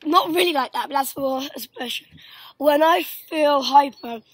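A woman with a notably high voice hosting her own casual video. She chats loosely and stumbles over a word now and then, keeping it informal. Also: moderate pace, dry recording, rough recording. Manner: chatty, stumbles over words. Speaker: vlogger host. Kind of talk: casual chat.

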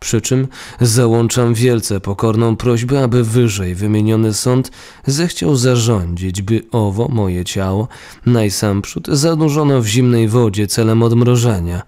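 A man's voice: mid-range voice, a little slow, mellow, lightly acted. A man voicing the ghost of a young nobleman who has lost his body, speaking in humble, formal petitioning language. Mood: formal pleading.

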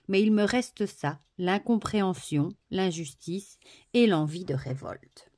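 A woman presenting an oracle card deck, softly admiring each card and then reading the booklet text aloud. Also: medium pitch.

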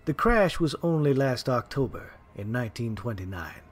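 A man's voice: mid-range voice, animated, normal speed, breathy edge, soft background music. A man reading a short story aloud in a grave, subdued way. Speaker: narrator. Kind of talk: storytelling narration.

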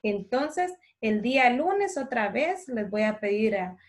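A woman teaching a primary class over a video call, patient and affectionate, dictating words slowly and clearly. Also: fairly high pitch, big pitch swings.

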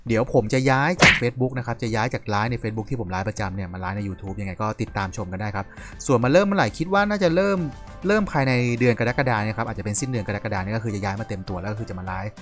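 Fast-talking young man streaming a card game. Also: fairly low pitch, lively intonation, fairly bright tone, soft background music. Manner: fast, chatty, greets viewers, apologetic. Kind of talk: casual live-stream commentary. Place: home room at night.

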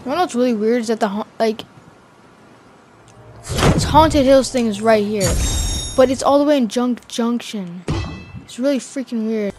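A woman talking casually over her own gameplay, excitable and slangy, yelling and laughing at the game. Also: on the high side, moderate pace, long pauses, noisy background. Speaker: gamer streaming gameplay.

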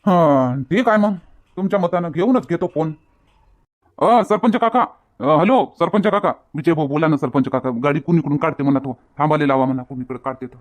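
A man's voice: a little high, brisk. A man acting in a village comedy skit, talking in a bossy, grumbling way. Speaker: comedy sketch actor.

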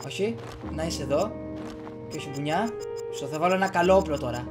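With game music playing behind him, a young Greek-accented gaming streamer mutters and exclaims through casual commentary, recorded on a desktop USB mic in a small room at home. His voice is fairly high-pitched with lively intonation.

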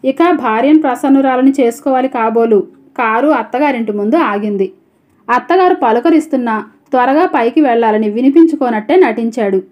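A woman narrating a story in a steady, even reading voice. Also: on the high side, a little fast. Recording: dull lo-fi audio.

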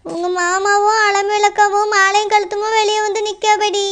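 A woman playing a young village woman who quietly passes on news, with a Kanyakumari accent. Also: very high voice, level tone, normal speed. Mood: hushed. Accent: Kanyakumari Tamil. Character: young village woman Radha, gossiping friend.

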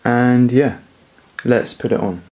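A young man casually narrating a DIY build in a relaxed, rambling way, recorded on a camera mic in a living room. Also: medium pitch, slow pace, soft background music, low-quality recording. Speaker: vlogger.

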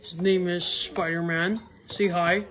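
A female speaker showing off toy figures, heard in slowed-down playback that drags and deepens the voice. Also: steady tone, a bit bright. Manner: drawn-out, sluggish delivery. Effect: slowed-down playback, pitched deeper. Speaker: toy reviewer. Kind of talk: casual toy show-and-tell.

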